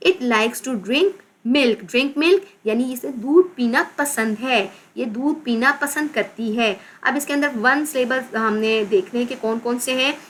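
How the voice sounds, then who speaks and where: A woman teacher with a Pakistani accent explaining a children's English lesson, reading English words slowly, repeating them and spelling them out. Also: fairly high pitch.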